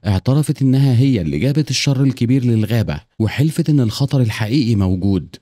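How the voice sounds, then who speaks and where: A man with an Egyptian Arabic accent narrates a film recap at a brisk clip. His voice is mellow and warm, and the steady storytelling moves along without pause. The recording is dry and close, with no room sound. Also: medium pitch, dry recording. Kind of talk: scripted narration.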